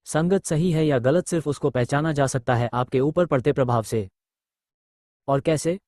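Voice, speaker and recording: A man's voice: a little high, normal speed, a little mellow, no echo, studio quality. A man, a spiritual teacher, answering audience questions bluntly and posing rhetorical questions.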